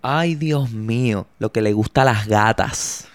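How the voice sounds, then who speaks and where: A man's voice: fairly low pitch, a little slow. A young man hosting a casual podcast, talking in a playful, slangy, joking way and slipping into little bits and impressions. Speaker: podcast host. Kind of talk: casual comedic podcast chat.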